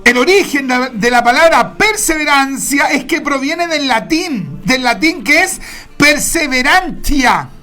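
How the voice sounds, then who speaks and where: Delivering a sermon in a high-pitched voice, this woman is forceful and repetitive. She elongates key words and bursts into shouting from time to time.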